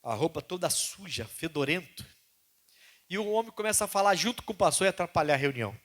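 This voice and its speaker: A man preaching a sermon as pastor, with animated delivery that swings between loud emphasis and quiet asides. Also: fairly high pitch, fast talker. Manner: animated preaching with acted-out dialogue.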